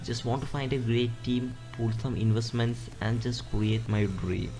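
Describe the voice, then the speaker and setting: Playing on his phone indoors, a Malayalam-speaking gaming YouTuber in his twenties from Kerala, South India, chats casually as he answers viewer questions. He speaks a little slowly in a steady, medium-pitched voice, with music in the background.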